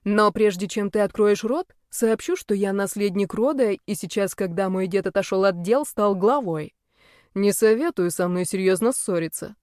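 A woman voicing a teasing, self-assured young male nobleman in an audiobook, speaking calmly with lazy amusement. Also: mid-range voice, moderate pace, dry recording, clean studio sound, lightly acted. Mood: amused. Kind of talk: audiobook character reading.

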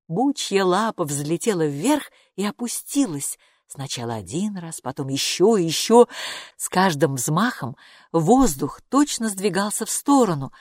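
A woman narrating a children's storybook with expressive, lively delivery. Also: on the low side, unhurried, no room sound, studio quality. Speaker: audiobook narrator.

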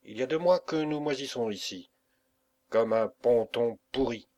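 A man's voice: medium pitch, moderate pace, mellow, muffled recording, close to an everyday voice. A man reading the part of a fiery pirate captain who rouses his crew and barks orders. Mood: rousing speech. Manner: rousing, barking orders.

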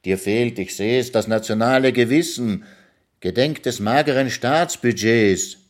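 A man reading a ballad aloud and voicing a greedy, domineering master who scolds his hungry servant in shrill outbursts. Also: unhurried, close to an everyday voice. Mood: scolding. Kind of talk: dramatic poem reading.

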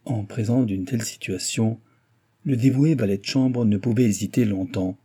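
Dark-voiced, husky male narrator. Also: lowish voice. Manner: measured storytelling. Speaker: audiobook narrator. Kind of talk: scripted narration.

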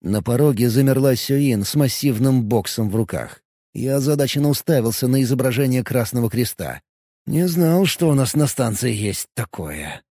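A man narrating a first-person audiobook in an expressive, lively way. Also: medium pitch, normal speed, no echo, studio quality.

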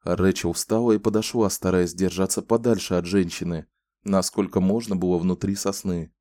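Low mellow guy reading an audiobook, calm and steady, dry close mic. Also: moderate pace, dry recording. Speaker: audiobook narrator. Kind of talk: scripted audiobook narration.

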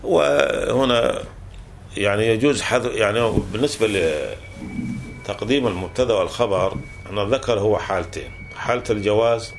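Over a faint hiss or hum, a low-ish male voice walks a student through a classical grammar text. His manner is patient and repetitive, going over every rule again and again and correcting himself as he goes.

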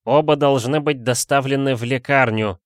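Gruff unflappable stoker guy, curt and grumbly, slightly raised voice, narrator does him. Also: medium pitch, moderate pace, no room sound, studio quality, pitched above the performer's own voice, lightly acted.

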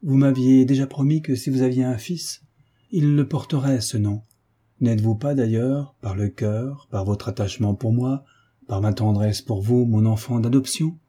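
A man reading the part of a kind, fatherly hunchbacked nobleman in a gentle, coaxing way. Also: mid-range voice, fairly even intonation, moderate pace, slightly rough, close to an everyday voice. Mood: coaxing, tender.

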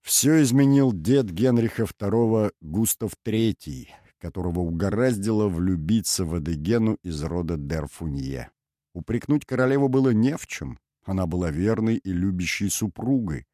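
A man narrating an audiobook in a measured, dramatic reading style. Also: fairly low pitch, mellow, dry recording, studio quality. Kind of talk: scripted narration.

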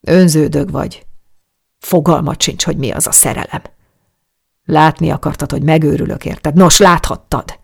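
A reader voicing a jilted man in love who speaks with irritation and reproach, in a gravelly, husky tone. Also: medium pitch, fairly even intonation, pauses often, a little mellow. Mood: reproachful. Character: angry, jilted man lover. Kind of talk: audiobook dialogue.

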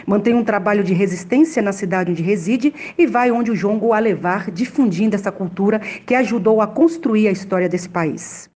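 A woman's voice: mid-range voice, normal speed, hardly any pauses, darkish tone. A Brazilian woman hosting a conversational podcast, introducing a guest and often tagging her phrases with little check-in questions. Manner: frequent "né" tags. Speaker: host.

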